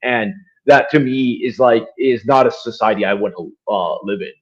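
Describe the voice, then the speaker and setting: This Venezuelan man is a podcast guest discussing politics casually, at medium pitch and normal speed. The recording sounds lo-fi, and he rambles with lots of fillers and restarts.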